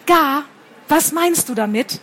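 A woman reading aloud and voicing a flustered, dim-witted young woman who talks high and panicky. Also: expressive, slow, fairly bright tone, full character voice. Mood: confused.

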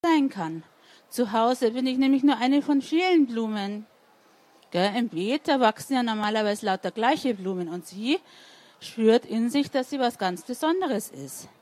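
A woman's voice: a little high, expressive, measured pace, a little mellow. A woman reading a story to children and asking them questions as she goes. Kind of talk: interactive read-aloud storytelling.

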